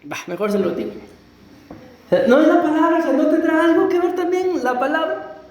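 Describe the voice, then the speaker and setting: A Costa Rican man preaching as a pastor, telling his own testimony in a conversational way, often clearing his throat and asking the congregation questions. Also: extremely high pitch, expressive, normal speed, a little mellow, slight background noise. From Costa Rica. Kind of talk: sermon with personal testimony. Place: church sanctuary. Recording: echoey church room.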